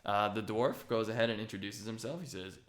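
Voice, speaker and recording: A man's voice: on the low side, brisk. A man narrating a tabletop game as game master, laid-back and full of hesitations. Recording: roomy echoey room.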